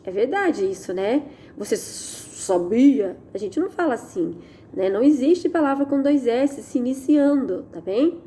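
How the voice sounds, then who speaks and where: Brazilian lady teacher going through exercises, kinda high but mellow voice, faint noise behind, keeps checking you got it. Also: lively intonation. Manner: patient, checks understanding with tag questions; slows down to stress key sounds. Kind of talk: recorded online Portuguese lesson.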